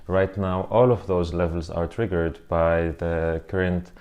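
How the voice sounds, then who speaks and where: A man from southern Lebanon in his thirties, giving an earnest personal interview. His voice sits very low and stays fairly flat, with a dark, mellow tone. He speaks in measured phrases and pauses with small fillers between thoughts. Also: dull audio.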